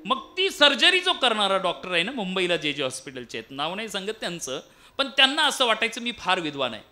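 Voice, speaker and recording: A man's voice: high voice, sing-song, quick pace, pushed and bright, soft background music. A man preaching a devotional kirtan, telling stories theatrically and breaking into sung refrains. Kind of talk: devotional sermon storytelling with song.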